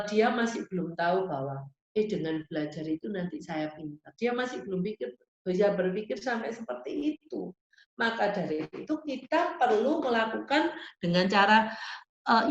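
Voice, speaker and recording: Woman lecturing in an echoey hall. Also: medium pitch. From Indonesia. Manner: conversational, addresses audience as Ibu, acts out firm instructions. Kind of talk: seminar lecture answering parents' questions. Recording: echoey hall, dull lo-fi sound.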